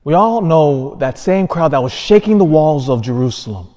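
Earnest priest preaching in a reverberant church. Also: male voice, fairly high pitch, lively intonation, normal speed. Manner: earnest, builds to emphatic peaks then drops soft. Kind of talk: sermon. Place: large church.

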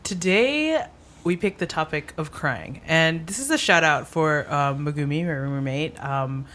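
A woman's voice: deep voice, a little slow, slight background noise. A woman co-hosting a podcast in casual chat, telling stories with lots of laughter. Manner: giggly, animated storytelling. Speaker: podcast co-host.

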